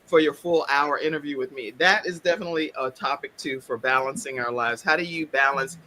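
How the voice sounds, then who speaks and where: A woman host with a bright, forceful voice leads a casual talk show interview over a video call. She is bubbly and chatty, laughing freely and tossing in "y'all." A faint hiss sits under her voice. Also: extremely low pitch, fairly quick. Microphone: video call mic.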